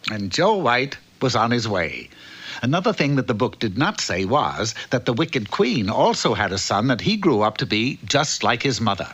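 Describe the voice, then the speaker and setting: A man's voice: mid-range voice, sing-song, normal speed, fairly bright tone, breathy edge. A man playing a wry, arch fairy-tale storyteller narrating a cartoon.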